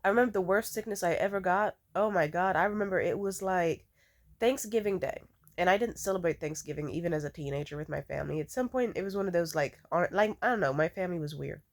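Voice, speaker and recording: A woman who is sick with a stuffed-up nose rambles casually. She complains with theatrical, animated emphasis and swears freely as she tells her stories. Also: fairly low pitch, fast talker. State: sick with a cold, congested nose. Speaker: vlogger. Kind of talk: casual rambling storytime chat.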